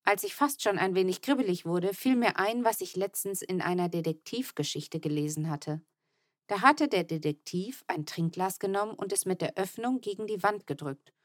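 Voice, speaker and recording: A woman reading a children's audiobook aloud in the first person, with lively, expressive storytelling. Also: medium pitch, normal speed, dry recording, studio quality. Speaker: audiobook narrator.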